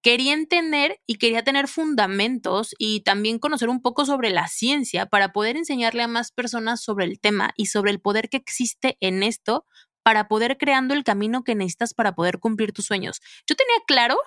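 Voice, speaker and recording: A woman hosting a podcast, telling a personal story in a chatty, expressive way with lots of filler phrases. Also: fairly high pitch, brisk, dry recording, studio quality. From Mexico. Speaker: podcast host.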